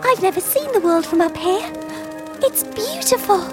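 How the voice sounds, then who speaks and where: A woman voicing Thumbelina, a tiny, gentle, polite young girl with a soft, hesitant manner. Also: extremely high pitch, sing-song, moderate pace. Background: music.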